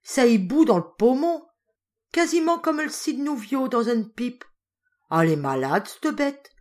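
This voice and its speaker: A woman voicing a coarse old male peasant farmer who fusses over his sick cow in rough country speech. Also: fairly high pitch, sing-song, a little slow, pitched above the performer's own voice. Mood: alarmed. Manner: rustic dialect speech, loud and fretting.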